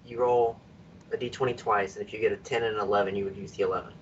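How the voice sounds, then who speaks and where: A man's voice: on the low side, fairly even intonation, fast talker, a little hiss or hum. A man new to a tabletop game, asking curious questions about the rules. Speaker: player. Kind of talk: casual tabletop play. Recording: distant, dull lo-fi stream audio.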